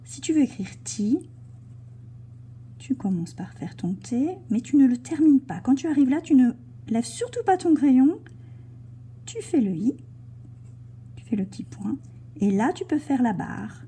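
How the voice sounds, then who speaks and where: A woman teaching young children to write in cursive, slowly and gently describing each stroke as she writes and now and then dropping to a soft whisper. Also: high voice, very animated, slight background noise. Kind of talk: handwriting lesson for children.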